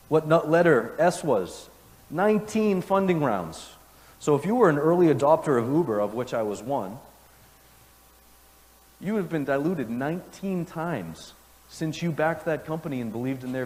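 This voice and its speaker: Polished corporate keynote man in an echoey hall. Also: medium pitch. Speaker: company CEO giving a keynote. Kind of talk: conference keynote presentation. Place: large indoor conference room. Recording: echoey conference hall, long reverb.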